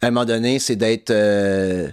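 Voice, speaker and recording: A man's voice: on the low side, steady tone, moderate pace, clean tone, dry recording. A man in his forties from Franco-Ontario, hosting a casual podcast chat, rambling with many restarts and bits of English. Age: 40s. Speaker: podcast host.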